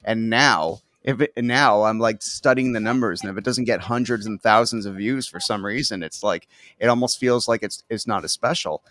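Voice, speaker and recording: A man's voice: on the low side, normal speed, hardly any pauses, fairly bright tone, no room sound. A man in his late thirties hosting an interview show, talking loosely with many likes and uhs. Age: 30s. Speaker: show host. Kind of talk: casual interview chat.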